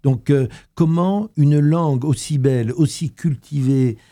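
Speaking a little slowly in a higher, dark-toned voice, a young Alsatian man studying for a history master's degree answers questions as a radio studio guest. He sounds hesitant, restarting often and filling pauses.

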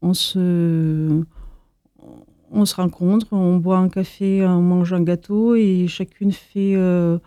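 A woman's voice: fairly low pitch, fairly even intonation, slow pace, warm tone, no echo, dull audio. A woman from Moldova, the founder of an association, answering interview questions hesitantly with many fillers and restarts.

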